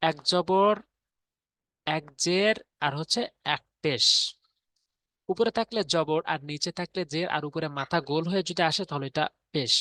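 A man teaching Arabic letter pronunciation in a patient, repetitive tutorial, often pausing on fillers. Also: a little high, fairly bright tone, no echo, studio quality. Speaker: Quran reading teacher. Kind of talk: spoken tutorial lesson.

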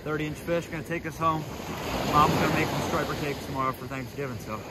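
A man filming himself surf fishing on an ocean beach at dusk, talking casually and excitedly into a camera mic. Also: a little high, fast talker. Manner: excited, casual, says "dude" often. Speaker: fishing vlogger. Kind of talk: casual on-the-spot commentary. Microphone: GoPro camera mic. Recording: loud surf noise outdoors. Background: crashing surf and waves.

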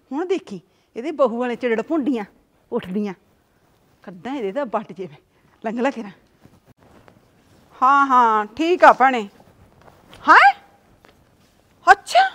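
A woman playing a loud, gossipy, scolding mother-in-law in a village comedy drama. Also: fairly high pitch.

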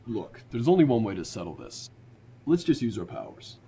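A man's voice: on the low side, very animated, normal speed, vocal fry, warm tone. Man as a matter-of-fact superhero charmer, plain tone, faint room noise. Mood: brisk. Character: practical male superhero, a confident charmer. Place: restaurant.

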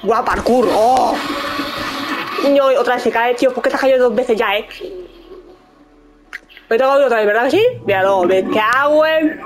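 A woman's voice: on the high side, moderate pace, long pauses, music in the background, poor audio. Chatty Spanish woman gaming streamer. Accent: Spain Spanish. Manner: chatty, swears, scolds game enemies, exclaims. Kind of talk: casual let's-play commentary.

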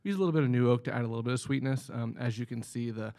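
Gravelly-voiced man explaining whiskey. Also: medium pitch, mellow. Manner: explanatory, measured, frequent um fillers. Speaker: distillery production manager. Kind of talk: casual podcast chat. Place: indoor studio at a table.

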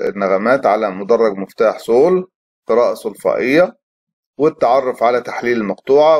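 A man with an Egyptian Arabic accent teaches a music lesson at a medium pitch. He explains patiently, step by step, and slows down to chant rhythm syllables and note names. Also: darkish tone.

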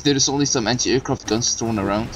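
Fast and mid-range, a young man speaks over background noise. Hosting his gaming channel, he rambles chattily while playing, reading the mission briefings aloud; German is not his first language.

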